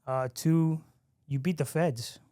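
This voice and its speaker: A man's voice: on the high side, slow, dark tone, clear, resonant tone, no room sound, studio quality. A man hosting a podcast interview in casual chat, easygoing and chatty with frequent restarts and laughs. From lives in Miami. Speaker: podcast host.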